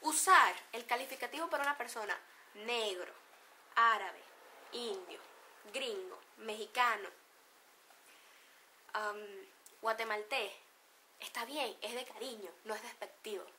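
Venezuelan woman vlogger, slightly high, sharp bright tone, teasing and chatty. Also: unhurried, pauses often, a little hiss or hum. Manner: playful, laughs often, acts out slang examples. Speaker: beauty vlogger. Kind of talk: casual chat to camera.

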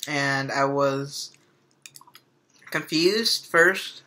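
A man's voice: on the high side, extremely slow, bright, forceful tone. A young man chatting casually in a home kitchen, rambling and repeating words as he thinks. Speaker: vlog co-host. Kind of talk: casual chat.

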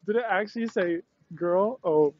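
Live-streaming outdoors on a college campus from a selfie stick tripod, a young man chats casually in a high-sitting voice at a moderate pace. He's excitable and slangy, laughs and swears often, and sounds out of breath and sweaty after push-ups. The audio is dull, with no room sound.

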